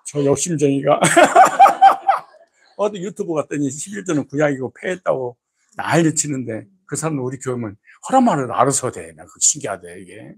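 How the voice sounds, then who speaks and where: A man's voice: medium pitch, expressive, a little fast, creaky, a little hiss or hum. A middle-aged male pastor preaching a sermon in a folksy, scolding style with joking, blunt asides.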